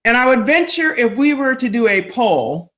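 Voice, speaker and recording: A woman guest on a podcast, telling stories in a rambling, animated way and laughing often. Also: on the high side, normal speed. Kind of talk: casual storytelling conversation.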